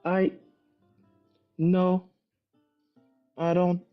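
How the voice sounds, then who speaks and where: A man's voice: high voice, completely flat delivery, very slow. A man with a thick foreign accent in casual discussion, thinking aloud hesitantly and repeating his phrases. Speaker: guest answering questions. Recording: dull lo-fi audio, music behind.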